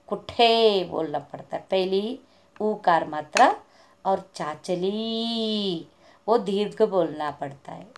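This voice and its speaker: Slow-paced woman teacher explaining lessons. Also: mid-range voice, a little hiss or hum. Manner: slow, repeats and spells out words for students.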